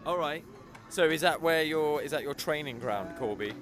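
A man's voice: on the high side, animated, over music. Chatty male interviewer. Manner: chatty and encouraging, quick follow-up questions. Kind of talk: casual outdoor interview. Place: outdoor skateboard competition.

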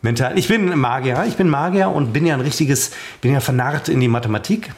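A man's voice: mid-range voice, fairly quick, a little mellow. A man co-hosting a podcast, running silly quiz games in playful banter with a mock-serious showman manner. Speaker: podcast co-host.

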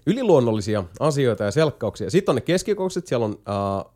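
A man chatting casually as a podcast host, explaining a video game at length with lots of hesitation fillers and a few jokes. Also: medium pitch. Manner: jokey, lively storytelling. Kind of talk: casual chat.

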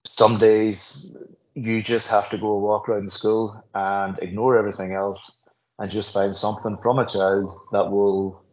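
His voice is lowish and a little mellow, with the high frequencies cut off. He's a middle-aged school principal from Northern Ireland, earnestly recounting anecdotes in a reflective interview and restarting phrases often.

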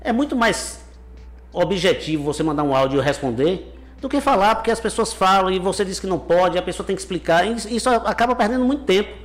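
A man, a mayor telling stories in a relaxed interview, with casual slang. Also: high-pitched, fast talker. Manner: chatty storyteller, casual slang. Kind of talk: conversational interview answers.

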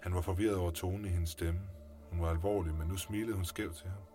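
Deep, flat-voiced male narrator. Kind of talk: scripted story narration. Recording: music playing underneath.

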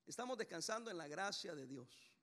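A middle-aged man preaching a sermon as pastor, in an animated way that brings his stories to life. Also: high voice, a little fast. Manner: animated, acts out voices in storytelling.

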